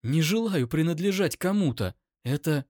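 Storybook heroine: a defiant young wolf-woman with a high, strained voice, put on by a male narrator. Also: animated, drawn-out words, darkish tone, dry recording, studio quality. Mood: pleading.

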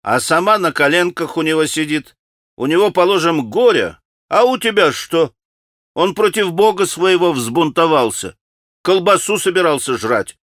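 A male audiobook reader puts on a sarcastic young man who taunts everyone around him. His voice is pitched up and sharp with spite, recorded close and dry. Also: lively intonation, moderate pace, no echo. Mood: taunting.

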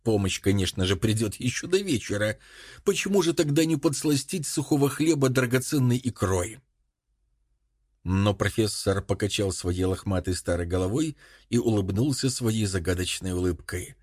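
A man narrating a story in an even, measured reading voice. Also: lowish voice, no room sound, clean studio sound. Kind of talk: audiobook narration.

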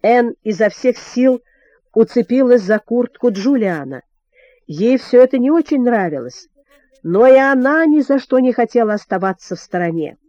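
Expressive woman storybook narrator, mellow, fairly high, very lively pitch. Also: normal speed, no room sound, muffled recording. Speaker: audiobook narrator.

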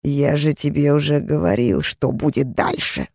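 A coarse, threatening man who swears at his captive and drags out his menace in a slow, lowered drawl, as a woman reader puts him on. The delivery sounds warm and mellow with a dry, close recording, yet carries a cruel audiobook edge. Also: vocal fry, no echo. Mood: irritated. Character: brutal menacing man, a rude jealous captor.

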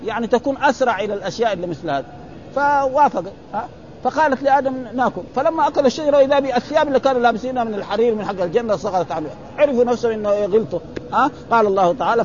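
High, quick-talking man teaching hadith. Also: darkish tone. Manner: keeps asking listeners "ها؟" to check they follow; explains with everyday examples and repeats points. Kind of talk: hadith lesson in colloquial Arabic. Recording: dull lo-fi recording.

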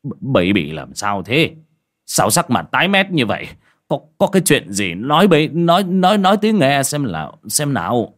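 A man's voice: mid-range voice, very animated, moderate pace, fairly bright tone, pitched above the performer's own voice. A man voicing an anxious old village father, stammering and fussing protectively. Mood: alarmed. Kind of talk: audiobook character voice.

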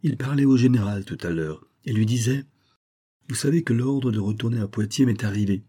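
A man's voice: medium pitch, brisk, warm tone, breathy edge, lightly acted. A man reading the lines of a loyal young hussar who speaks plainly and respectfully to his commander. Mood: sorrowful.

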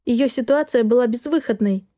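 A woman narrates an audiobook in a high voice. Her reading is scripted and expressive, telling the story scene by scene. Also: moderate pace.

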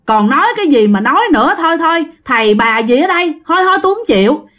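A woman's voice: on the low side, animated, moderate pace, darkish tone, pitched below the performer's own voice, natural voice. A woman playing a stubborn grieving mother. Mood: refusing.

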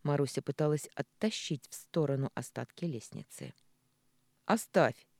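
Brief: male audiobook narrator, dark mellow tone, animated rise and fall, dry close mic. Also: mid-range voice, moderate pace, no room sound. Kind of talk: expressive storybook narration.

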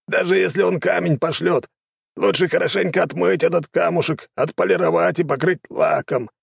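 A man voicing an excitable, scheming male gnome king in an audiobook, exclaiming theatrically. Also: fairly high pitch, normal speed, vocal fry, breathy edge, no room sound, studio quality, voice pushed up, exaggerated voice. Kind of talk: audiobook character voice.

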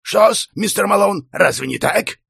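Мужчина изображает язвительного рычащего профессора. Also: male voice, high voice, animated, measured pace, gravelly, a bit bright, breathy edge, dry recording, studio quality, voice pushed up, full character voice. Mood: mocking. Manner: growling, sarcastic. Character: bullying, mocking professor, middle-aged man.

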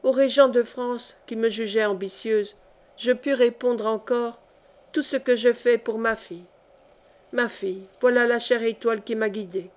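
A woman's voice: fairly high pitch, steady tone, moderate pace, a little mellow, lightly acted. A woman reading a fervent noble mother. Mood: tender fervent. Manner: fervent, tender. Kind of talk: audiobook reading of a historical novel.

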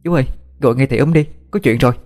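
A man voicing a frightened but fierce young mother in a ghost story, shouting at a ghost. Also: medium pitch, rapid-fire, soft background music, voice pushed up, lightly acted. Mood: urgent.

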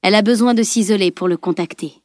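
A woman reading a gentle old scholar. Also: mid-range voice, fast, dry recording, studio quality, natural voice. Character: old, calm male scholar, gentle and reassuring.

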